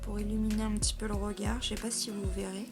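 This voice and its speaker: A woman's voice: mid-range voice, flat delivery, fast talker, over loud music. A young woman chatting casually in a beauty vlog, self-mocking and talking while she tries on makeup. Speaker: beauty vlogger. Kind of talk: casual makeup tutorial chat.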